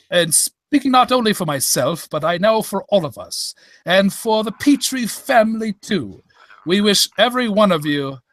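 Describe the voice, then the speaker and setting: Man as befuddled Doctor Watson, high and halting. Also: a bit bright, no room sound. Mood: sentimental. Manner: halting, flustered, rambling. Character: Doctor Watson, befuddled, sentimental, kindly old storyteller. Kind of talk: old-time radio comedy acting.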